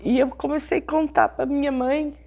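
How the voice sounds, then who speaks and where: A middle-aged woman pastor, telling a personal testimony in a sermon with slow, emotional storytelling. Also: high voice, steady tone, gravelly, dark tone, muffled recording.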